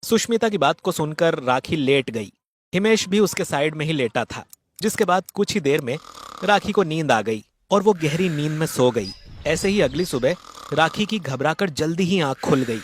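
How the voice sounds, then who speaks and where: A man narrating a dramatized moral story in a steady, plain storytelling manner. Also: fairly high pitch, moderate pace, slight background noise.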